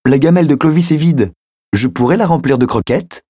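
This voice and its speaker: An eager little girl chirps and exclaims in a high, childlike voice, as a deep-voiced male narrator puts her on. Her voice climbs well above his own, with a bubbly, breathless lift. It sounds like a storybook reading in a dry, close booth. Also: expressive, a little fast, warm tone, slightly rough, no room sound. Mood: excited, eager.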